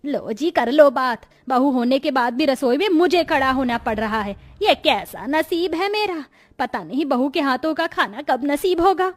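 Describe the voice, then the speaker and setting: A woman's voice: high-pitched, animated, moderate pace, few pauses, dry recording. A woman voicing a wealthy, fussy but patient mother-in-law in a cartoon who speaks in a coaxing way. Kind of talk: Hindi cartoon voice acting.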